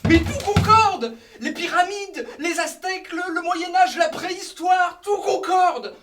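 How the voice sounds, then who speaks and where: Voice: very high-pitched, expressive, measured pace. An actor playing an obsessive, frantic conspiracy researcher in a comedy short, recorded at a distance with faint noise. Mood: feverish. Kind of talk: comedy short film acting.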